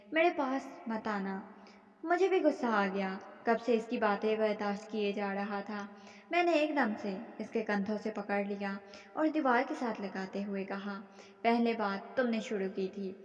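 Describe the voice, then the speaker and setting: A woman narrating a dramatic first-person story in a steady reading voice, in a dull, echoey recording. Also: mid-range voice.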